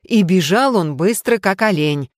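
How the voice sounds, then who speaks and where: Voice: mid-range voice, animated, a little slow, no room sound, studio quality, lightly acted. An audiobook reader voicing an earnest, deferential young patrolman. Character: dutiful young male patrolman.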